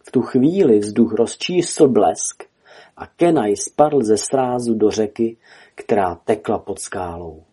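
A man reading a storybook aloud as narrator, telling it dramatically in a husky voice. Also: lowish voice, dark tone.

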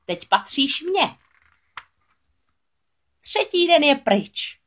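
A woman voicing a gloating female sea witch who speaks slowly and croaks triumphantly. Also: on the low side, animated, a bit bright.

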